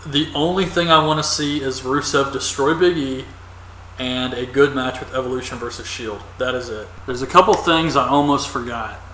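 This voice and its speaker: A man's voice: mid-range voice, normal speed, pushed and bright, reverberant, distant mic, slight background noise, rough recording. A man giving casual, opinionated solo commentary as a wrestling reviewer, rambling with frequent ums.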